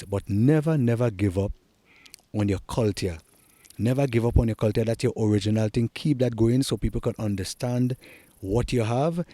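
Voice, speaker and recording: A middle-aged soca artist from Trinidad and Tobago appears as a guest, answering interview questions in an earnest, encouraging manner and repeating his key points. His Trinidadian-accented voice sits in the mid range and sounds mellow, with no room sound on the recording.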